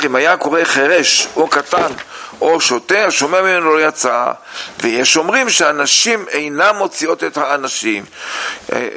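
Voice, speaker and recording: Man, rabbi teaching religious law, bright tone, slightly high voice, halting with fillers. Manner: halting, many "uh" fillers, reads sources aloud then explains. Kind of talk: halakha lesson.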